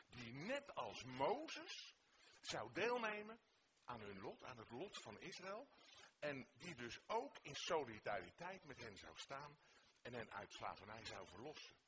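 A male preacher giving a sermon in a church, expressive, moving between hushed words and emphatic exclamations. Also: medium pitch. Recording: noticeable background noise.

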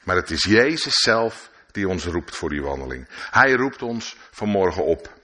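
A man's voice: low voice, very animated, normal speed, sharp tone. A man preaching a sermon at a church service, reading scripture and adding conversational asides and questions to his listeners.

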